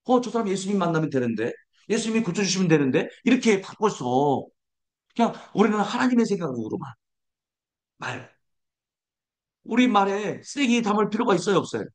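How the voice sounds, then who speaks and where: A pastor delivers a sermon in a notably high voice. He pairs rhetorical questions with their own answers and leads the congregation in repeating declarations. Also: sing-song, brisk, long pauses.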